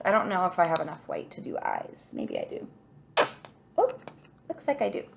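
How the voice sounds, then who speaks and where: A kindergarten teacher with a somewhat high, creaky voice explains a craft to young children step by step. She thinks aloud as she goes, stays encouraging, and keeps asking the listener questions.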